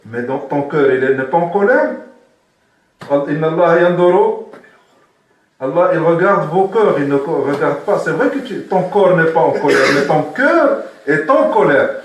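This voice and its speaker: A man's voice: a little high, lively intonation, measured pace. A man giving a spoken religious lesson as a sheikh, asking his listeners questions and repeating his key points. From Morocco. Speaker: sheikh teaching Sufism. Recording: very echoey room, from far off.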